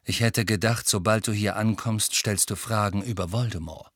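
A man doing a calm, blunt wizard godfather. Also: lowish voice, moderate pace, dry recording, studio quality. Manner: calm, direct.

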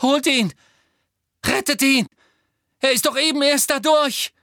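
A man reading an audiobook and voicing a panicked teenage boy hero who shouts and pleads in despair. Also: extremely high pitch, unhurried, vocal fry, no echo, clean studio sound, pitched above the performer's own voice, heavily acted. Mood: desperate. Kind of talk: audiobook character voice.

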